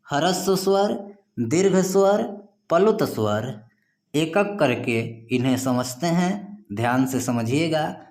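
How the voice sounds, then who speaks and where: A man teaching a grammar lesson, explaining slowly and patiently and often reminding students to pay attention. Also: a little high.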